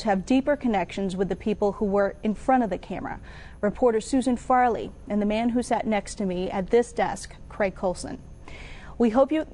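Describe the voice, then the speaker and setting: A woman's voice: mid-range voice, mellow. An American woman news anchor speaking on air in an emotional, tearful farewell. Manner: emotional, tearful goodbye delivery. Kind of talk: on-air farewell to laid-off coworkers. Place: TV news studio at the desk.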